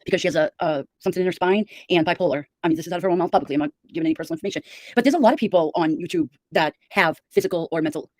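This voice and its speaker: A woman's voice: on the low side, very fast, dry recording. A middle-aged woman chatting casually and giving opinionated gossip on a livestream.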